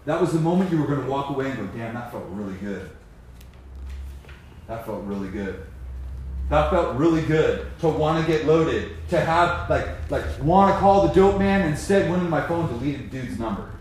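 A man's voice: lively intonation, moderate pace, slight background noise. Echoey, swearing man preaching sobriety. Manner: swings from low muttering to loud emphatic preaching, heavy cursing, slangy. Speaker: motivational speaker on sobriety. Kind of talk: impassioned motivational monologue. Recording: very echoey room.

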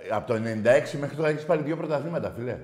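A man hosting a call-in sports radio show, loud and mocking as he argues with callers. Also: medium pitch, reverberant. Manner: loud, shouting and mocking rival fans. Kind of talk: heated call-in sports banter.

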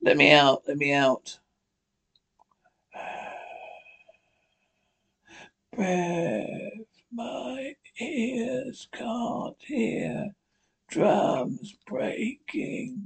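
A man acting out a creaky, murderous old man. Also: fairly high pitch. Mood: gasping, dying. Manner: menacing, theatrical. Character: gloating murderous old man, panicking when trapped. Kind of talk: melodramatic horror radio play reading.

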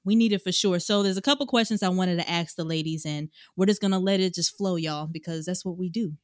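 A woman's voice: lowish voice, fast talker, no echo, studio quality. A woman hosting a podcast, chatting casually and upbeat, often addressing listeners as y'all. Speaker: podcast host.

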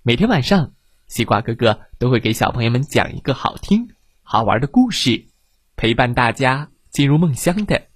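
A man telling a bedtime story to children, gentle and expressive. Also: medium pitch, moderate pace, breathy edge, no echo.

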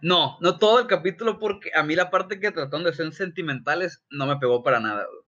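A young man, co-hosting a casual podcast chat, slangy and full of swearing and animated asides. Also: a little high, fast talker. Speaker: podcast co-host. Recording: dull lo-fi sound.

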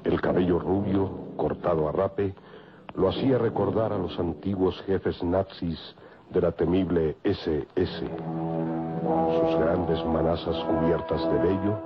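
A man giving dramatic scripted radio narration in a grave, florid storytelling manner. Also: deep voice. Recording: dull lo-fi radio with loud music.

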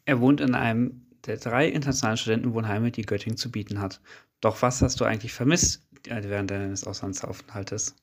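A man's voice: lowish voice, fairly even intonation, brisk. Young male reporter, scripted student radio narration and interview questions. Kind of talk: read-out radio feature narration.

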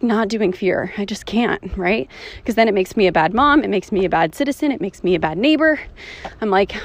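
Woman, 30s, breathless, casual motivational talk, "right?" fillers, mid pitch. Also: dry recording. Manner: chatty, lots of "like" and "right?". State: out of breath while walking. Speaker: vlogger. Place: outdoors on a walk.

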